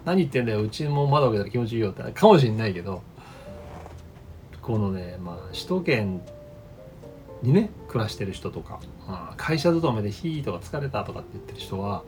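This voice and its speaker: A man's voice: lowish voice, big pitch swings, normal speed, gravelly, long pauses, darkish tone, soft background music. A man in his fifties chatting casually and at length as host, rambling and often laughing at himself. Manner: rambling, laughs often, self-deprecating asides. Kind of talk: casual solo chat.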